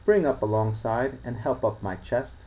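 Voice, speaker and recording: A man voicing a fierce, coarse old sea captain who talks in a rough seafaring dialect. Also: medium pitch, normal speed, mellow, lightly acted, rough recording. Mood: gruff. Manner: gruff, rustic seafaring dialect.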